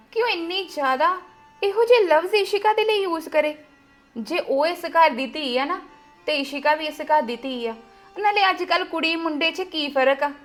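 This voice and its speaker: A defiant young wife, played by a woman, lectures the family firmly. Her voice is high and assertive. Faint music plays under the homemade drama. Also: a bit bright.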